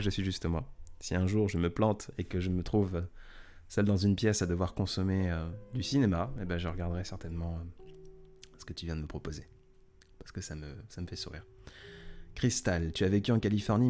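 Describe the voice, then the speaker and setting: A man hosting a casual live stream, reading viewers' messages aloud and answering in a soft, hesitant way with many fillers. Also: low-pitched, brisk, faint music behind. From France.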